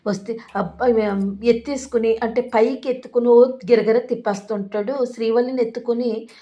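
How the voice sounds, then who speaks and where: A woman's voice: on the high side, steady tone, moderate pace, warm tone, dull audio. A woman host recapping a TV serial episode in a chatty, friendly way. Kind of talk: casual serial recap narration.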